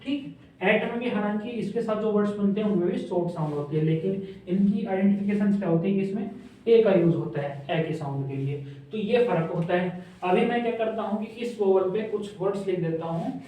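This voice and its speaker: A man's voice: sits high, a little fast, mellow. A man teaching a shorthand class who drills sounds aloud and answers his own questions. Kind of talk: classroom lesson. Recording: echoey room, distant mic, dull sound.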